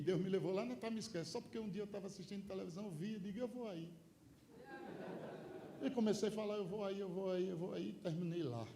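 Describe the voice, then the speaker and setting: High-voiced Brazilian pastor, echoey church. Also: male voice, a little hiss or hum. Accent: Brazilian Portuguese. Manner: swings from quiet storytelling to shouted preaching. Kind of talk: sermon with storytelling. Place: church hall. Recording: echoey church with faint ambience.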